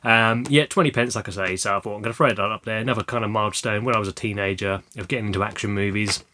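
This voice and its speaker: A young man talking casually about his film collection, rambling with many ums and restarts, his throat slightly croaky. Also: lowish voice, steady tone, quick pace, sharp tone, slight background noise. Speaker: video creator showing a film haul. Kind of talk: casual chat.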